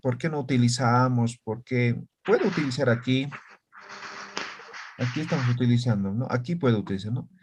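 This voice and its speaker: A man's voice: mid-range voice, background noise. A man teaching an online language class, explaining patiently and often checking that students follow. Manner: slow, patient, checks understanding with "¿ya?" and "¿no ve?".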